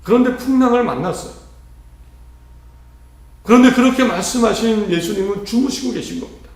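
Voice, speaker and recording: High-voiced man preaching in echoing church. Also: fairly quick, a little mellow. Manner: earnest, rhetorical questions, varied emphasis. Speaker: pastor. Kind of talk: sermon. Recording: heavy church reverb.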